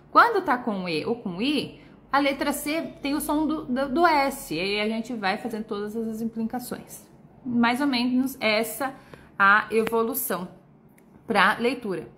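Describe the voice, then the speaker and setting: A woman with a Brazilian accent answers viewer questions live. She has a slightly high voice and works as a literacy educator. She explains things patiently and often ends points with a quick tag question, with faint noise in the background. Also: a bit bright. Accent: Brazilian Portuguese.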